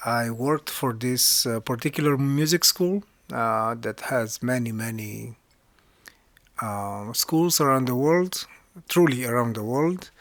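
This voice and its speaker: Halting man co-host, dry close sound. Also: mid-range voice, fairly bright tone, no room sound. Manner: halting, restarts phrases. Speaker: podcast co-host, music teacher. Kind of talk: casual conversational podcast chat.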